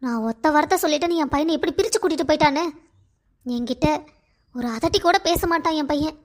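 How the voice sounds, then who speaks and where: A woman's voice: sits high, fast, natural voice. A woman doing a wailing bitter mother-in-law. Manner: wailing complaint. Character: aging mother-in-law, self-pitying and bitter.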